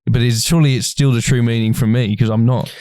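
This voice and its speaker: A man's voice: mid-range voice, fairly even intonation, fast, a little mellow, clean tone, dry recording, studio quality. A young man co-hosting a podcast, laid-back, laughing often and swearing casually. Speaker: podcast co-host. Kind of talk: casual chat.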